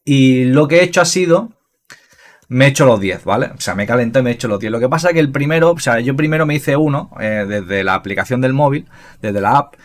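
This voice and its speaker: Gaming host, man, excitable and profane, rambling casual commentary. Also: medium pitch, fast talker. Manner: excitable, swears freely, talks in bursts with many fillers. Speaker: gaming youtuber.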